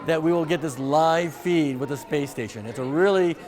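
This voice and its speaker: A man's voice: on the high side, moderate pace, darkish tone. A man who hosts an event, talking informally and repeating words as he goes. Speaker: event organiser and host. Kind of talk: informal interview and event talk. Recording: clear background noise and hiss.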